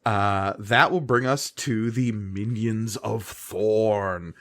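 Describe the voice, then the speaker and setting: A man acting as game master, narrating and refereeing a tabletop game in a casual, measured way. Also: lowish voice, fairly even intonation, a bit bright.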